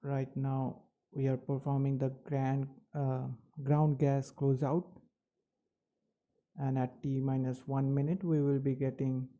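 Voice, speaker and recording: A man giving live technical commentary as a launch webcast host, with halting, measured phrasing. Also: mid-range voice, warm tone, lo-fi sound.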